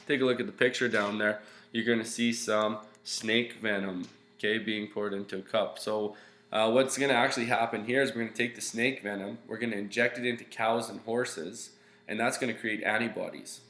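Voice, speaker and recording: A young Canadian man with a congested, nasal voice, pitched on the low side and a bit bright, gives a recorded slideshow lecture as a teacher. He explains loosely with many fillers and "okay"s, recorded on a webcam in a small room at home that is echoey with a faint hum.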